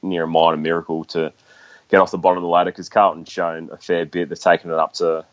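A man's voice: low-pitched, level tone, fast, no echo. An Australian man talking casually as a guest in a sports discussion, on slightly dull, lo-fi audio.

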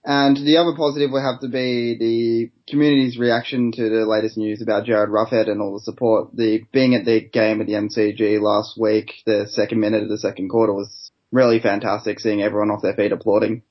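A man's voice: fairly low pitch, level tone, a little fast, few pauses, highs cut off. An Australian man in a casual sports discussion as a podcast panellist.

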